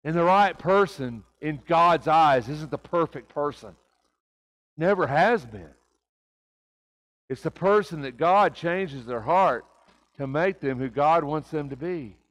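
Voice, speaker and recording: A man's voice: on the high side, animated, takes it slowly, a bit bright. An older man preaching a conversational sermon in a church sanctuary, asking the congregation rhetorical questions.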